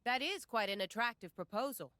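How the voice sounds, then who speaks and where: A woman's voice: on the high side, expressive, a little fast, bright, forceful tone. A woman playing a defiant, protective heroine in a video game, firm and dramatic. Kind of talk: video game cutscene acting.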